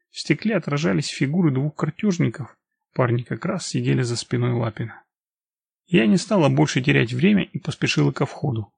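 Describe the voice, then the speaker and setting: A male audiobook narrator with a strongly gravelly, husky voice, reading an action story in a steady, measured way. The sound is dry and close, with no room at all. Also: mid-range voice, dry recording. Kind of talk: first-person action narration.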